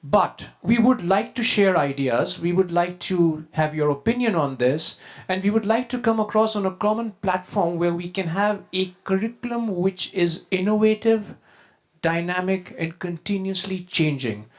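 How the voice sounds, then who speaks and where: Indian guy giving a conference talk, formal and measured, stresses his points. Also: high-pitched, lively intonation. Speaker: school deputy head, conference speaker. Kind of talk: prepared presentation to an audience.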